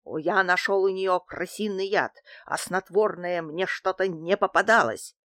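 A woman reader playing a greedy old antique dealer in a panic, pleading and wailing at full volume. The narrator's low voice tips into a strained cry for him. It is recorded close and dry, as a storybook reading. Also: a little slow, fairly bright tone, dry recording. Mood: angry.

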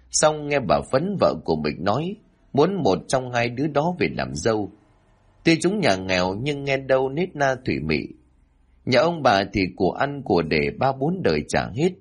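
A man narrating a folk story for an audiobook, measured and expressive. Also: mid-range voice, husky.

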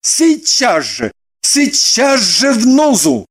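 A man's voice: very high voice, huge pitch swings, takes it slowly, husky, heavily acted. A man reading the part of a prim, self-important businessman in an audiobook, stiff and indignant.

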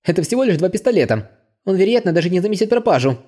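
A man's voice: sits high, sing-song, very fast, warm tone, voice pushed up. A man voicing a sneaky, greedy young male thief in an audiobook, snickering and scheming under his breath. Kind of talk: audiobook character voice.

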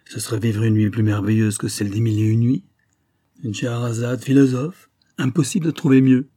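A man's voice: mid-range voice, steady tone, brisk, dark tone, no room sound, clean studio sound, natural voice. A man voicing a mocking, lecherous police chief in an audiobook. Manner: smug, mocking.

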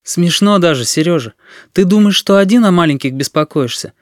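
A man's voice: high voice, expressive, a little fast, dry recording, pitched above the performer's own voice. Man playing a female schoolteacher, stern, lecturing, dry close sound. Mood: reproachful. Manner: reproachful, lecturing.

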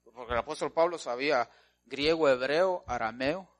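A man's voice: mid-range voice, normal speed. Man preaching a sermon to his congregation. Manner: preaching with questions to the congregation, varied loudness. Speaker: pastor.

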